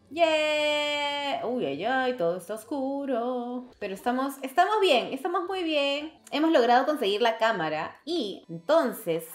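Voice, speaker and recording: A young woman gamer giving let's play commentary, shrieking and laughing as she reacts to the game. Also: sits high. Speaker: gaming YouTuber. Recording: echoey room, faint game music. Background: game music.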